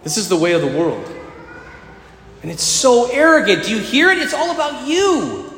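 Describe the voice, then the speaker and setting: A man, a priest, preaching a sermon in an animated way, with acted-out quotes and humor, in a church. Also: very high voice, moderate pace, a little hiss or hum. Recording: echoey church hall with faint ambience.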